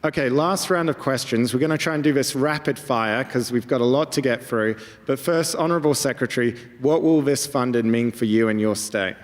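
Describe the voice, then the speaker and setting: Male panel moderator, mid pitch, brisk and upbeat, live event hall.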